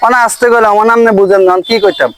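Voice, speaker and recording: Fast, high-voiced village man bragging. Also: a bit bright, a little hiss or hum, low-quality recording. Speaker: comic actor in a village sketch. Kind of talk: rural comedy sketch dialogue.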